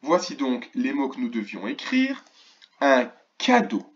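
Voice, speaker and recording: A man teaching a remote lesson to first graders, slowly and clearly sounding out words and asking the class questions. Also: medium pitch, wildly swooping pitch, highs cut off. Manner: slow, clearly articulated, stretches key words; asks questions of an absent class. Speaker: primary school teacher.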